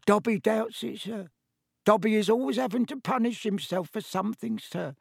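A man voicing a small, servile male house elf in an audiobook, squeaky and strained, fawning and pleading. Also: normal speed, gravelly, slightly rough, no echo, clean studio sound, exaggerated voice. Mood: anxious, resigned. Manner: pleading, talks of himself in third person. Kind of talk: audiobook character voice.

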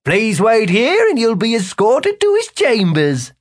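A man's voice: extremely high pitch, wildly swooping pitch, a little slow, pitched above the performer's own voice, exaggerated voice. A man voicing a polite, stiffly formal male palace guard announcing to visitors in an audiobook.

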